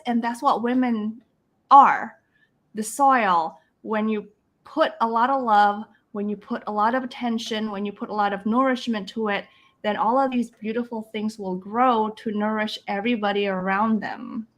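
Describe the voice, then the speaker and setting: Her voice sits on the high side, steady and fairly bright, at a measured pace. She is a middle-aged life coach from Indonesia telling stories in a conversational interview, earnest and thoughtful, full of restarts, quoted voices, and small laughs.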